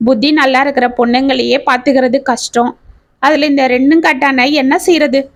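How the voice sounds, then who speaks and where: A woman's voice: high-pitched, fairly even intonation, moderate pace. A woman voicing gossiping village neighbors who fret in a prying way. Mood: fretful gossip. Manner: gossipy, fretting.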